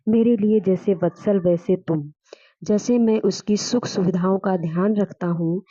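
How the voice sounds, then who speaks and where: A woman reading the part of a kind old widowed father-in-law, speaking slowly and tenderly in a storybook tale. His voice is mellow and soft, and the recording sounds dry and a little dull. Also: medium pitch, no room sound, natural voice. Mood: affectionate. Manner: affectionate, reassuring.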